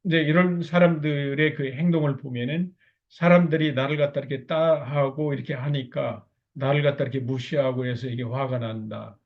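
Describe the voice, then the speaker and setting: A middle-aged man lecturing on marriage counseling, explaining patiently, posing rhetorical questions and padding phrases with fillers. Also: on the high side. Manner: frequent filler "like this" between phrases. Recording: dull lo-fi lecture recording.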